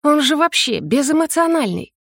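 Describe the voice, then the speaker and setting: A spirited young heroine, as the reader puts her on, her voice pitched high and loud with indignant, lively energy. She protests quickly and openly, recorded close and dry. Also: dry recording, heavily acted.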